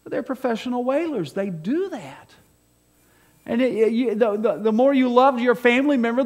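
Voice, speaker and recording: A male pastor delivering a live sermon in a church sanctuary. His voice sits unusually high for a man, and he moves between quiet conversational asides and loud, fervent exhortation. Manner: animated preaching, swings from hushed asides to loud exhortation.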